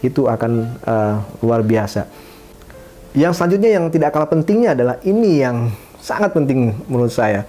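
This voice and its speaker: A man's voice: mid-range voice, sing-song, normal speed, warm tone. A middle-aged man, a hypnotherapist, giving a parenting advice lesson with frequent fillers and restarts. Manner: fillers and restarts, acts out example phrases. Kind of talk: talking-head advice lesson.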